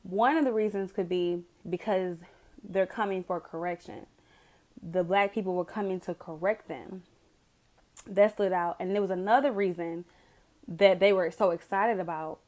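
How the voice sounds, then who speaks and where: A woman's voice: fairly low pitch, moderate pace, a little mellow. A woman casually retelling a dream to camera, rambling with many "like"s and restarts. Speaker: video testimony speaker.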